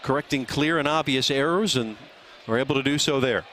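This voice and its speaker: A man doing live play-by-play soccer commentary, calling player names in brisk short bursts. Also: mid-range voice, sharp tone, a little hiss or hum.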